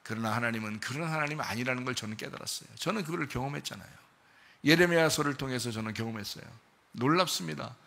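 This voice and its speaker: A man's voice: mid-range voice, quick pace, vocal fry, pushed and bright. A man preaching a sermon as pastor, who keeps asking his congregation questions. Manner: asks the congregation many questions.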